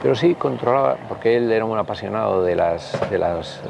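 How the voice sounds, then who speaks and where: In a very noisy recording, a Basque party member in his sixties, an interview guest, speaks with a fairly low, creaky voice. His Spanish carries a Basque accent as he rambles and halts through casual anecdotes, dropping in tag questions throughout.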